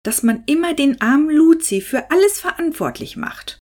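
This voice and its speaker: Woman doing a naive excitable young girl, whiny, high and jumpy. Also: normal speed.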